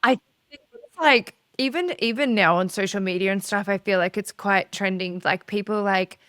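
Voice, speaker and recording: A woman's voice: medium pitch, moderate pace, a bit bright, no echo, studio quality. A woman hosting a podcast, chatting casually and gushing with enthusiasm, with some swearing. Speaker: podcast host. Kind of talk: casual interview chat.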